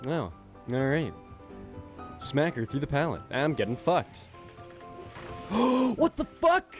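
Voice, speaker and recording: A young gaming YouTuber gives crude, self-mocking commentary over a video game while his voice gives out. His mid-range voice is expressive and a little slow, with soft background music playing.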